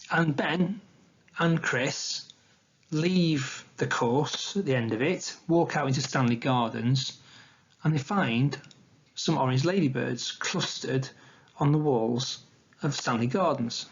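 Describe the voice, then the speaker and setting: A man's voice: mid-range voice, breathy edge, dull audio. Man giving a chatty illustrated nature talk. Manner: conversational, chatty and informal. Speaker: wildlife educator presenting a talk.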